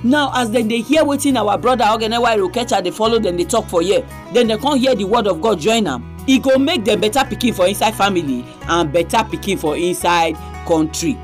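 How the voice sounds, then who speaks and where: A woman hosts a religious radio programme in Nigerian Pidgin. Her Nigerian accent is clear and her pitch sits in the middle range. Faint music plays behind her. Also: brisk, few pauses. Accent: Nigerian, speaking Nigerian Pidgin.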